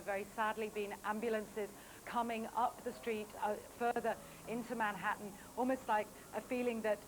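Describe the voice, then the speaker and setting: A woman's voice: fairly high pitch, low-quality recording. A British woman giving an unscripted live news report from outdoors in a city street. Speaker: news correspondent. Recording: faint street noise, VHS broadcast.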